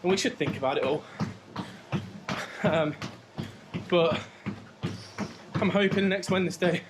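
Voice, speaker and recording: A high-voiced man talks slowly and casually to his vlog viewers while jogging on a home treadmill. The treadmill's hum and some clicks are clearly audible behind him.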